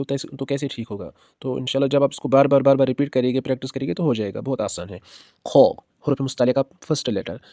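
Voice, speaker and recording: A man teaching how to pronounce Arabic letters, patient, stretching each letter slowly and checking in with the learner often. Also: medium pitch, mellow, no room sound. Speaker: Quran teacher.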